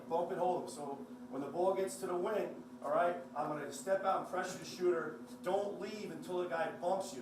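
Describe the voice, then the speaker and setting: A man coaching a basketball team in a pregame pep talk, speaking in emphatic, clipped commands and often checking with short tag questions. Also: fairly high pitch. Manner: repeatedly checks understanding with "all right?". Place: echoey indoor room. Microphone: distant microphone. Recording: echoey room, far mic, noisy.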